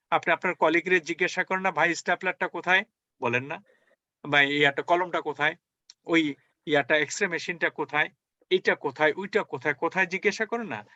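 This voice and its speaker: A man's voice: on the high side, sharp tone, no echo, muffled recording. A man teaching English as a spoken lesson, coaxing his learners along with many rhetorical questions.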